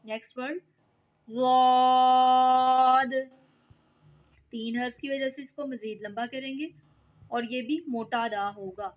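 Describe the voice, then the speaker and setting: A woman's voice: on the high side, moderate pace, highs cut off. A woman teaching beginners to read Quranic letters, patiently drawing out each sound. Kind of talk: recitation lesson for beginners.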